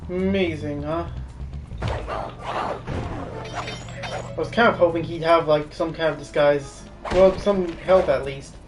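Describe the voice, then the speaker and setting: A man's voice: fairly high pitch, steady tone, normal speed, few pauses, music in the background. A man streaming a game live, talking casually in a rambling way with lots of fillers. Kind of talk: live gameplay commentary. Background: game audio.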